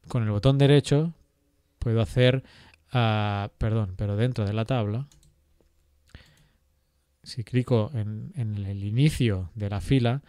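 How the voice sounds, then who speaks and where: A man walks through a software tutorial at a computer, thinking aloud and filling pauses with "eh" and "¿vale?". His voice is mid-pitched and recorded dry and close, with no room sound. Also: no room sound. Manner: thinks aloud with frequent fillers and rhetorical "¿vale?". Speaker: GIS instructor.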